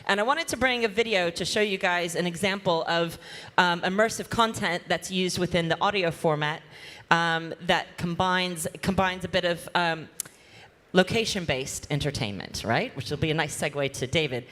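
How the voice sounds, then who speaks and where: A woman moderating a conference panel on stage, chatty and energetic, with many fillers. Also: on the low side, moderate pace. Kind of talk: live conference panel talk. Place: large conference hall. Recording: reverberant hall.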